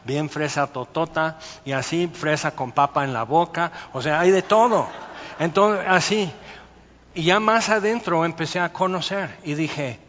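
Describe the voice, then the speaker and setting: A man, a pastor preaching a sermon and telling stories with lively, acted-out voices. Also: a little high, measured pace, slight background noise. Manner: animated storytelling, acting out voices. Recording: muffled sound with long hall reverb.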